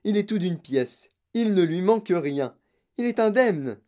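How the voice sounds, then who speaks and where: A woman reading aloud and voicing an eccentric, excitable man who owns a chocolate factory, in a theatrical, exclaiming manner. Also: medium pitch, fairly quick, voice pushed up, lightly acted. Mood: excited. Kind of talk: audiobook reading.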